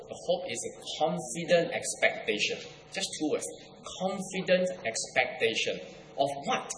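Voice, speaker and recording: Singaporean pastor preaching in an echoey church hall. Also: male voice, mid-range voice, pushed and bright, a little hiss or hum. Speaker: guest preacher. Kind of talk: sermon.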